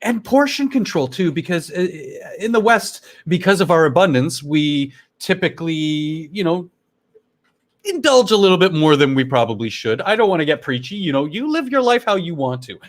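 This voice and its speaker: A man's voice: on the high side, very animated, moderate pace. A middle-aged man from Canada co-hosting a live stream, chatting casually about the news, swearing and laughing as he goes. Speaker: livestream co-host. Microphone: earphones on a home streaming setup.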